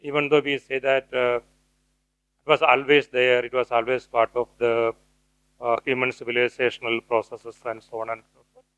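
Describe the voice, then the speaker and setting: A middle-aged man giving an academic lecture, pausing often with fillers and restarts. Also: mid-range voice, level tone, a bit bright, no room sound, highs cut off. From India. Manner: hesitant, many fillers and restarts. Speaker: guest speaker, cultural theorist.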